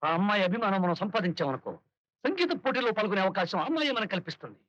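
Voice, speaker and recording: An actor playing a scheming, boastful harmonium player in a film comedy, theatrical in delivery. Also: male voice, sits high, very animated, fast talker, fairly bright tone, no room sound. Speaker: comic lead. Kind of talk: Telugu film comedy dialogue. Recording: dry, dull film soundtrack.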